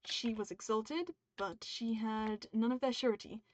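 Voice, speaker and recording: Her voice is on the high side and moderately paced as this UK woman reads her draft during a writing stream, interrupting herself mid-sentence to edit and chat cheerfully with viewers. The audio comes from a dull, muffled stream mic.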